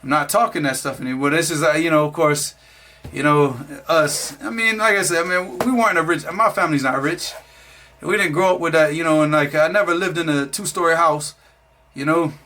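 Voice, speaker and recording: A man's voice: on the high side, brisk, bright, forceful tone. A man from Florida telling his own life story in a casual, rambling way, full of fillers and restarts. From Florida, USA. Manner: rambling, many fillers and restarts, laughs at himself.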